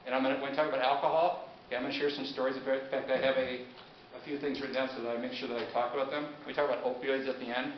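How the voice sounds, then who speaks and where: A pharmacist giving an informal public lecture, chatty and often checking in with the audience. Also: male voice, mid-range voice, level tone, racing. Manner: chatty, asks the audience questions. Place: meeting room with an audience. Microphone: handheld mic. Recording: echoey, dull, noisy room recording.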